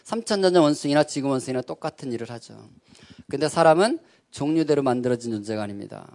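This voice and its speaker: A man giving a sermon-style talk to an audience, conversational and animated, who keeps asking his listeners questions and answering them himself. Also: on the high side.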